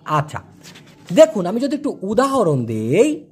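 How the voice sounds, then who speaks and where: A woman from Bangladesh gives a casual spoken language lesson, slowly repeating words again and again as pronunciation drills. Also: mid-range voice, wildly swooping pitch, husky. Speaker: language teacher.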